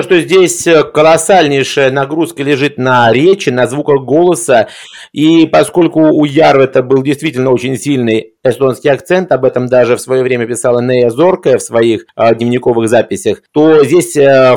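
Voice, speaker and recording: A man's voice: medium pitch, normal speed, a little mellow. A man discussing film in a reflective conversational way, hesitant, with erudite and formal wording.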